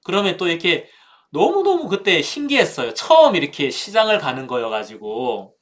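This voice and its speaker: Lively storytelling Bible talk speaker. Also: medium pitch, moderate pace. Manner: vivid storytelling with sound words; addresses listeners directly.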